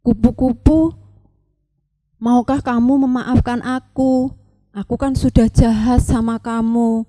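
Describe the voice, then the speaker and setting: A woman's voice: on the high side, steady tone, slow, mellow. A woman voicing a boastful ant who mocks a cocoon in a children's story. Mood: pleading. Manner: teasing, then begging for help. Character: boastful mocking ant, later pleading.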